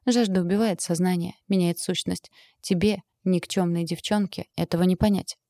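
A woman voicing a contemptuous old male werewolf villain in an audiobook, speaking slowly and with scorn. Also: lowish voice, steady tone, dark tone, no room sound, close to an everyday voice. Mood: menacing. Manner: slow, scornful, menacing.

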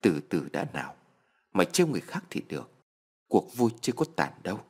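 A man's voice: low voice, sing-song, brisk, a little mellow, slightly rough, exaggerated voice. A man voicing a taunting old female ghost. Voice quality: trembling, moaning voice.

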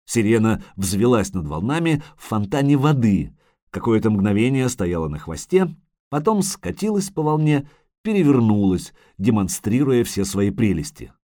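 A man narrating a fantasy story as an audiobook in an expressive storytelling manner. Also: on the low side, moderate pace, no room sound, studio quality.

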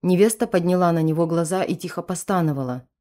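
A woman narrating an audiobook in a steady, dramatic reading voice. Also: lowish voice, fast talker.

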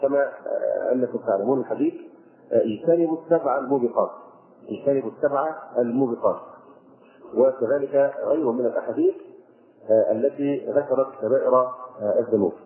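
A man's voice: medium pitch, fast. A male Islamic scholar giving a religious lesson, explaining scripture line by line with fillers. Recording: tinny phone-like lo-fi recording.

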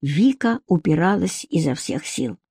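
A woman narrating an audiobook in an even, measured reading. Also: lowish voice, breathy edge, no room sound, studio quality. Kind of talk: scripted narration.

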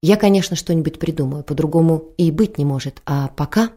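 A woman voicing a weary middle-aged husband who speaks slowly, softly and hesitantly. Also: low-pitched, breathy edge. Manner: slow, hesitant, soft-spoken.

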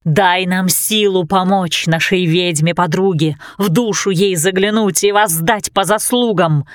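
Woman playing a scheming witch, slow, intense, incantatory, storybook. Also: mid-range voice, lively intonation, no echo, clean studio sound. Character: fierce scheming eldest witch sister.

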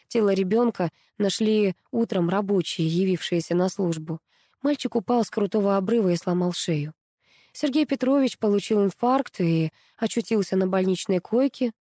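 Mellow-voiced woman reading a story. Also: mid-range voice, dry recording, studio quality. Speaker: narrator.

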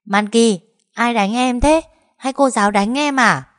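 A woman's voice: a little high, unhurried, no echo, studio quality, pitched above the performer's own voice, lightly acted. A woman voicing a worried young boy, an older brother, asking urgent questions in a spoken story.

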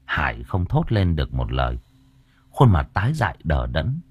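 A man narrating a horror story audiobook in an expressive, dramatic way. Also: extremely low pitch, moderate pace, breathy edge, dry recording.

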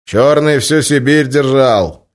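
A man voicing a short, brash male criminal who talks loud and excited. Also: mid-range voice, a little slow, pitched above the performer's own voice, natural voice. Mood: brash greeting.

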